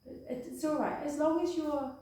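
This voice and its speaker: A woman's voice: high-pitched, fairly even intonation, fairly quick, dark tone. A woman from Australia giving a hands-on health demonstration, chatty, often checking in with "okay?" and "eh?". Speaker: health presenter. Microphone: far room microphone. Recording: echoey room from a distance.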